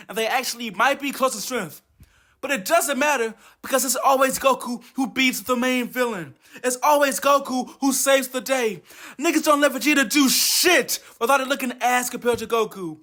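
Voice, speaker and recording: A man's voice: very high-pitched, bright, forceful tone. A man doing a comedic anime commentary rant, exasperated, profane and mocking. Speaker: video essayist.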